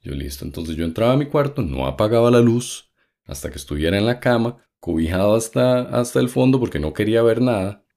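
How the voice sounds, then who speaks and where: Guy, really low voice, telling a creepy story from when he was a kid, acts out the bits. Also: a little fast. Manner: animated storyteller, acts out quotes and sound effects. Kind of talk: personal ghost story told casually.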